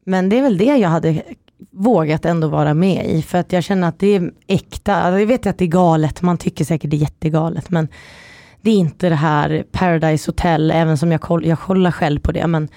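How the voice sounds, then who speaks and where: A woman guest on a chat podcast telling stories in a lively way, acting out quotes. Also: low voice, no room sound, clean studio sound. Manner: lively storytelling, acts out quotes. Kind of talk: casual chat.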